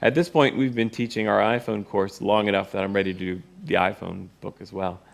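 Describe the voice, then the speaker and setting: A man with a gravelly, fairly low voice tells a story at a fairly quick clip, his pitch barely moving. He's a presenter, course teacher and author, speaking informally in the first person to an audience, wry as he acts out remembered dialogue.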